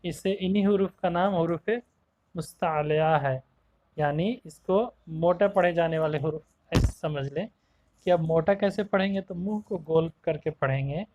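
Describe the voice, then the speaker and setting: A man teaching a tajweed lesson to young children, explaining each term, repeating it slowly and sounding out single Arabic letters one by one. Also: fairly high pitch, darkish tone, lo-fi sound. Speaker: Quran teacher.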